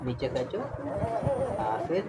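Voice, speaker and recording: A man's voice: mid-range voice, expressive, unhurried, over a noisy crowd, heavy background noise. A man filming a casual home vlog, teaching his small child letters with short, repeated instructions. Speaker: father and family vlogger. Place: at home, indoors.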